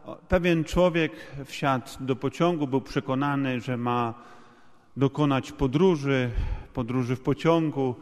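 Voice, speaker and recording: A man's voice: medium pitch, unhurried. A man interpreting a sermon in a church, restating each point at length with fillers. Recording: long hall reverb.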